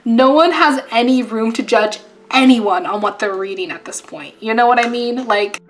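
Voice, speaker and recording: A young woman vlogger chatting casually with lots of fillers and lively asides, her voice a little hoarse. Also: a little high, normal speed, soft background music. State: losing her voice. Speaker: YouTuber. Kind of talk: casual chat.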